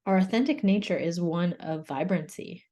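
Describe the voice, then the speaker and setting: A woman's voice: fairly low pitch, moderate pace, mellow. A young adult woman coach giving a candid webinar talk, laughing often and open about her feelings. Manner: candid, laughing, tearful at times.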